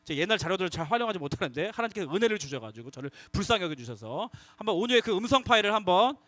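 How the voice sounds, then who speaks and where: A man preaching to middle schoolers as their youth pastor, lively and coaxing the audience to call out together. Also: high voice, rapid-fire, no room sound. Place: church youth worship hall.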